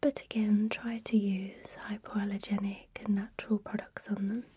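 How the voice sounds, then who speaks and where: A woman speaking in a soft, breathy whisper, giving a calm ASMR tutorial as a spa technician. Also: medium pitch, moderate pace, a little hiss or hum.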